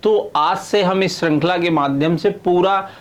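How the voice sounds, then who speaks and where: A man's voice: high voice, unhurried. A middle-aged man teaching sociology in a video lecture, explaining step by step and checking often that students follow. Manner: explains with repeated checks like "है ना" and "clear है".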